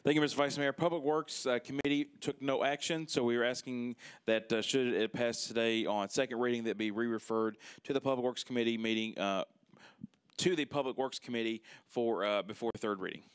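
Quick-talking councilman giving a report. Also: medium pitch, fairly even intonation, smooth, no echo. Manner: quick, matter-of-fact, plain explanations. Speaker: council member reporting for committee. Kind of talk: formal committee report. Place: council chamber floor.

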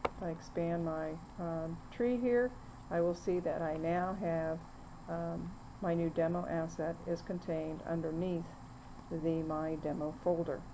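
A woman narrating a screen-recorded software demo, walking through the steps plainly with frequent fillers. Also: on the low side, fairly even intonation, a little slow, noisy background. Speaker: software demonstrator.

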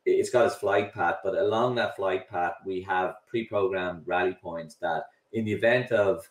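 A middle-aged Irish man who founded a drone delivery company speaks in a low-pitched voice at a moderate pace. As a guest on a video call interview, he explains his work, often restarting and repeating words. His webcam and computer mic give roomy, slightly distant audio.

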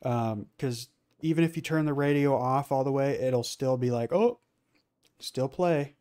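A man's voice: medium pitch, fairly even intonation, moderate pace, darkish tone, clean tone. A man giving casual, rambling commentary on his gameplay, full of fillers and restarts. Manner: rambling, filler-heavy, self-correcting. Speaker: let's play gamer.

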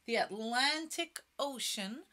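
A woman's voice: a little high, expressive, slow pace, pushed and bright. A woman in her thirties teaching a children's music class, speaking playfully and exaggerating for little kids, often dropping into stage whispers.

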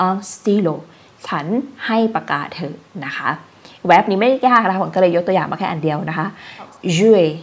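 A woman teaching French verbs, saying each form slowly and clearly, then explaining it with soft polite particles. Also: fairly low pitch. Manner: spells out verb forms word by word, then explains them; adds soft polite particles and small laughs. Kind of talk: slow, careful language lesson.

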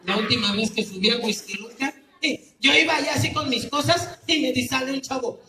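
Mexican clown guy, high voice, loud and joking, echoey noisy street recording. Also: a little fast, recorded from a distance. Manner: loud, teasing, calling out to the audience. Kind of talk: outdoor clown comedy show with crowd. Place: outdoor public square.

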